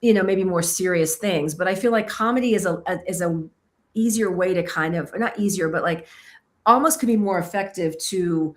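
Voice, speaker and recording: A woman from Kentucky talks through her work as a filmmaker and author in a casual interview. Her voice sits a little low, and she is reflective and self-deprecating, pausing and hunting for the right phrase. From Kentucky, United States. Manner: thoughtful, self-deprecating, searching for words.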